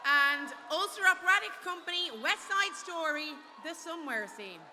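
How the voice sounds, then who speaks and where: High-voiced woman reading award nominees. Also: animated, moderate pace, crowd noise, noisy background. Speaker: award presenter.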